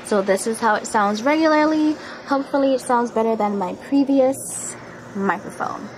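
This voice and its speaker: A woman's voice: a little high, normal speed, a little hiss or hum, rough recording. A woman vlogger talking casually at home while unboxing and testing a microphone, often asking viewers for feedback. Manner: chatty, filler-heavy, asks viewers for feedback. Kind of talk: casual unboxing and mic test. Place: indoor room with a fan. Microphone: camera mic and clip-on mic, changing distance.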